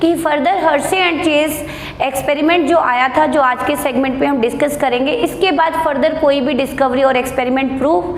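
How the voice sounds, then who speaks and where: A woman biology teacher with an Indian accent giving a classroom lecture. She moves between quick Hindi explanations and slow, deliberate English dictation, and she asks her students questions and answers them herself. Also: high-pitched, fairly even intonation. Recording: echoey room, faint noise.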